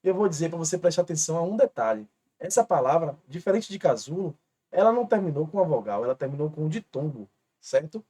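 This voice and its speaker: A man from Brazil teaching an exam-prep grammar lesson, explaining step by step and repeating each example word slowly while he writes on a board. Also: a little high, sing-song, mellow, husky.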